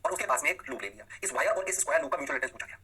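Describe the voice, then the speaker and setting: A male physics teacher speeding through a recorded lecture at a very fast clip. His voice is bright and sharp with a husky edge and sits a bit high. He keeps throwing questions at his students as he works through the material. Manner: rapid, animated, fires questions at students.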